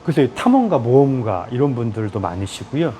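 A man giving a lively lecture in a room, acting out people in raised voices and laughing often. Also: medium pitch, brisk, slight background noise.

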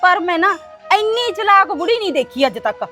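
A woman's voice: very high voice, very animated, moderate pace, bright, forceful tone, faint music behind, heavily acted. A woman playing a greedy, spiteful daughter-in-law who taunts her mother-in-law. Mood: taunting. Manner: sneering, taunting.

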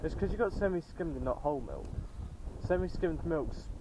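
A man's voice: fairly high pitch, expressive, moderate pace. Young man commenting outdoors, noisy recording. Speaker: cameraman friend. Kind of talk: casual chat, commenting. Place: outdoors in a park. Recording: noisy outdoor camera audio, wind.

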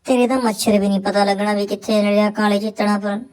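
A woman's voice: mid-range voice, level tone, fast talker, a crowd in the background. A woman with a Punjabi accent giving mocking reaction commentary in crude, sarcastic, bawdy banter.

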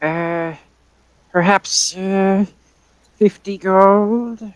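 A game master voicing a fussy, polite old woman shopkeeper who appraises items, speaking slowly with hesitations. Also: medium pitch, steady tone, clear, resonant tone, no room sound, voice pushed up, rough recording. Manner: slow, polite, hesitant with many ums. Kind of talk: tabletop game character voice.

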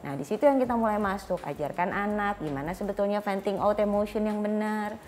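Medium in pitch and a little fast, this woman's darkish voice comes with faint music behind it. She is an Indonesian-accented guest expert in her thirties who explains in casual talk and acts out short exchanges between parent and child. The setting is a small, furnished indoor studio set, recorded with a clip-on lapel mic.

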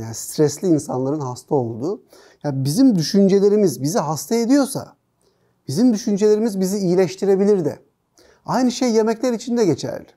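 A man's voice: sits high, mellow. A man as a guest on a talk show, explaining nutrition methodically in casual conversation.

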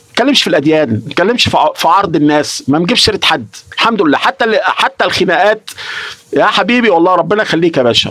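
A man's voice: high voice, fairly bright tone, no room sound. Emotional Egyptian man on a live stream. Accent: Egyptian Arabic. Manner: emotional, repeats himself, swears oaths often. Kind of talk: casual live-stream chat.

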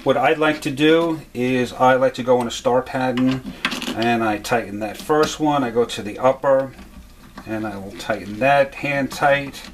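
A man explains a repair step by step at a workshop bench, in an unhurried, middle-pitched voice. He talks plainly and fills his pauses with "uh" and "um." A faint hiss sits under the recording. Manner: plain, step-by-step, with many "uh" fillers. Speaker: HVAC supply instructor. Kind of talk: how-to repair demonstration.

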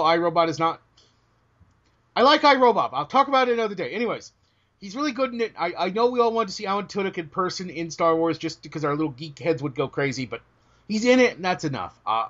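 A British man co-hosting a casual podcast chat, joking and cutting himself off, his voice starting to go hoarse. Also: on the high side. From Britain. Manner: animated, joking, self-interrupting. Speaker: podcast co-host. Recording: dull lo-fi audio.

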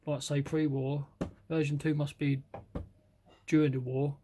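British guy rambling thru paint colours, dark mellow voice, flat delivery, bit of hiss behind. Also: fairly high pitch. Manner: halting, reads out paint names, admits he can't pronounce them. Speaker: scale model reviewer. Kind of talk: casual unboxing review.

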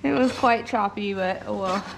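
Speaking at a medium pitch, a young woman thinks aloud in halting fragments while demonstrating hoof trimming inside a barn with a concrete floor. The clip carries clear noise of filing, scraping and tool clatter.

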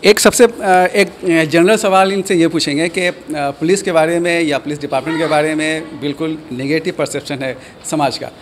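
A male reporter asks measured questions in an indoor corridor, pausing with fillers. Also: fairly high pitch, fairly even intonation, slight background noise. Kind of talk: news interview. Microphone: handheld mic.

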